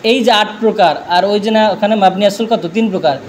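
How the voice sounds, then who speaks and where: A man's voice: high voice, fairly quick, slight background noise. A man teaching a grammar lesson, drilling his students with repeated questions and answers, speaking.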